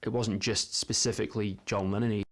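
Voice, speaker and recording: A man's voice: fairly low pitch, little pitch movement, a little fast. A man, talking through a casual monologue with lots of ums and restarts. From New Zealand. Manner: hesitant, many ums and restarts. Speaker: vlogger.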